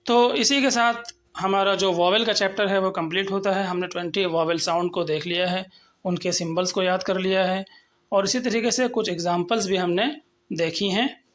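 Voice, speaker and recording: A man teaching English pronunciation, explaining step by step and slowly sounding out example words. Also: high voice, fairly even intonation, fairly bright tone. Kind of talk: lecture on phonetics.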